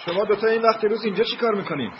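A man voicing a kind adult who gently teases two children, in a dubbed film. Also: high-pitched, close to an everyday voice. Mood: gentle. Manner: playful, gently teasing. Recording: dull lo-fi audio, faint hiss.

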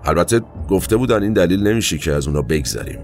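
A man narrating his own past in a colloquial, halting way, with asides and trailing fillers, over faint background music. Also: sits low, expressive, darkish tone. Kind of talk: first-person spoken recollection.

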